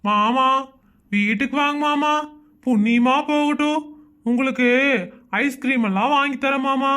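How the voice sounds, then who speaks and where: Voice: sits high, fairly even intonation, a bit bright. A voice actor doing an exasperated sarcastic husband. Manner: grumbling, sarcastic, quick complaints. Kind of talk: Tamil cartoon voice acting.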